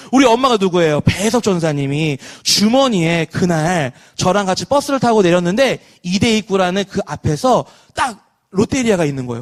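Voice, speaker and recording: A pastor in his thirties giving an online children's sermon, asking the kids questions and leading call-and-response. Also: sits high. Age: 30s.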